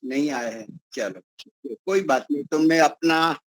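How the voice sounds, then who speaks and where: A man hosting a spiritual gathering, inviting speakers in turn and pausing often with fillers. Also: a little high, no echo, low-quality recording. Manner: hesitant, pausing with many fillers.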